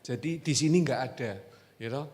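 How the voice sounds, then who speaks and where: A man preaching a sermon as pastor, animated and joking, repeating his exhortations. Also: on the high side, moderate pace. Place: church hall. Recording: echoey church hall.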